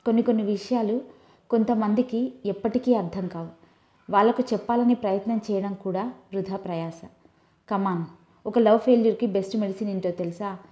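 Brief: woman reader as a brisk bossy young woman, mellow voice, echoey room. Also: medium pitch, natural voice. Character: young woman, bossy and caring best friend. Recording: roomy echo.

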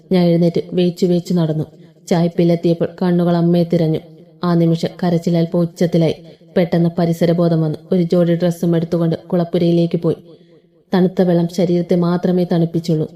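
A woman narrating a first-person audio story in a steady, measured way. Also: fairly low pitch.

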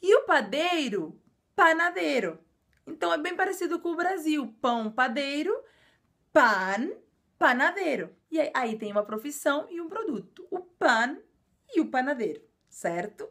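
Brazilian woman, high voice, casual video teacher who repeats and explains patiently. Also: sing-song, fairly bright tone. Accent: Brazilian Portuguese. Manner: explains slowly and repeats words, frequent filler "é". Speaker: language teacher.

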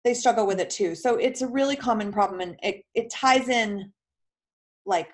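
A woman's voice: mid-range voice, moderate pace. A woman physical therapist explaining in a casual question-and-answer talk, chatty, with many filler words and homely comparisons.

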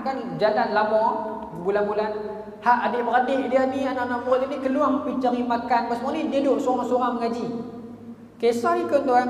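A man with a northern Malaysian accent giving a religious lecture, telling a story and checking in with his audience through short prompts. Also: extremely high pitch. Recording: very echoey hall with long reverb.

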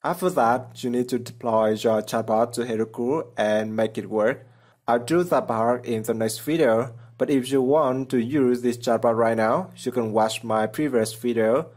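Over a screen recording, a man with a mid-range, darkish voice narrates a programming tutorial. He keeps to plain step-by-step explanation and simple phrasing that marks him as a non-native speaker.

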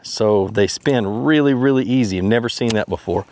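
Male host in his 30s, slightly low voice, rambling how-to talk from a lake boat. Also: moderate pace, darkish tone, a little hiss or hum. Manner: rambling, with many fillers and restarts. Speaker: fishing video host. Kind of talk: casual how-to narration while fishing.

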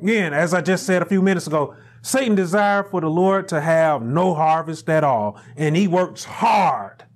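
A middle-aged man preaching a sermon at a pulpit in a small chapel, building to shouted emphasis and repeating his phrases. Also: a little high, moderate pace. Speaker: pastor. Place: small chapel room indoors, standing at a pulpit. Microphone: lapel mic.

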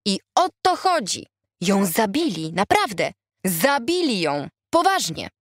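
A woman voicing a chatty, gossiping market saleswoman who insists on her theories with excitement. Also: mid-range voice, measured pace, no room sound, studio quality. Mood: excited gossip.

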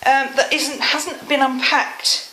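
A bright, fairly high-voiced British woman chats casually as a vlogger, a little wheezy with a cold. She is recorded at home in an echoey room. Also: level tone, takes it slowly. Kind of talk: casual chatty vlog. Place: rooms at home, indoors. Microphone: handheld phone or camera. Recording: echoey room, some noise and clicks.

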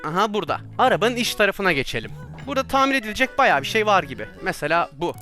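A young man giving excited let's-play commentary on a video game, animated and quick to shout and laugh at mishaps. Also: sits high, soft background music. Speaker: gaming YouTuber.

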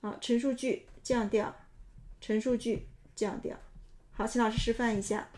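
A woman's voice: fairly high pitch, fairly even intonation, moderate pace, darkish tone. Methodical woman pronunciation instructor. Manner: methodical, explains step by step. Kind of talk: explanatory lesson narration.

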